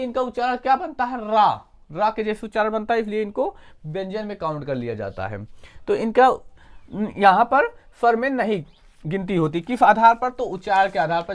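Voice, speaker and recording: Teacher quizzing himself aloud. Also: male voice, sits high. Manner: asks questions and answers them himself; self-corrects slips. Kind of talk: exam coaching lesson.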